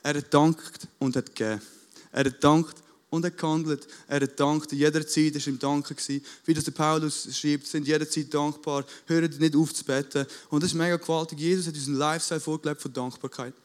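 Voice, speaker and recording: On a church stage where a band is waiting, a man preaches in a fervent yet casual way, dropping English buzzwords and building to loud appeals. His voice is a little high, his intonation fairly even, and his pace a little fast.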